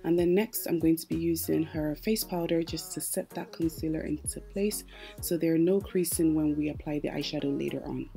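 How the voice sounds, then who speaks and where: A woman with a low, dark, creaky voice hosts a casual makeup tutorial voice-over, talking straight to her viewers in a chatty, explanatory way. Her delivery is brisk with fairly even intonation, and music plays in the background.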